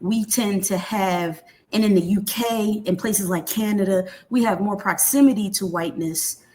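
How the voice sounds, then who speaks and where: An assertive woman speaking on a discussion panel. Her voice sits in a middle pitch, and she speaks emphatically and with conviction. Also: normal speed, darkish tone.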